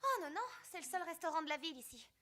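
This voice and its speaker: Quick bossy woman, high voice, brisk orders, French film dub. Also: lively intonation, pushed and bright, heavily acted. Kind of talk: French-dubbed martial arts film dialogue.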